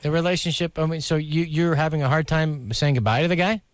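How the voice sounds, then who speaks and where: A man's voice: fairly high pitch, fast, dry recording. A man bantering casually as a guest on a radio advice show, blunt and teasing, often cutting in. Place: radio studio.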